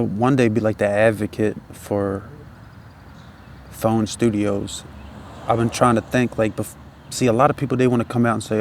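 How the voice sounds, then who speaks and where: A low, gravelly-voiced independent musician rambles casually in a loose stoner drawl, peppering his talk with slang, swearing, and repeated tag phrases, against slight background noise.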